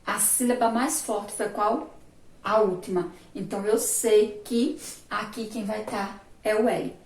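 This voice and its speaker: A woman teacher from Brazil giving a remote lesson for young children, patiently repeating words slowly, syllable by syllable. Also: mid-range voice, darkish tone. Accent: Sergipe Brazilian Portuguese. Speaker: primary school teacher. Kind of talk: remote class lesson at a board. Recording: echoey room, recorded from a distance.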